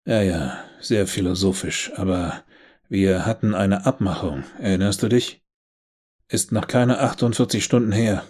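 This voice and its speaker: A man voicing a young murdered woman in an audiobook, talking in a snappy, sarcastic way, raising his voice a little above his low, husky narration. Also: measured pace, darkish tone.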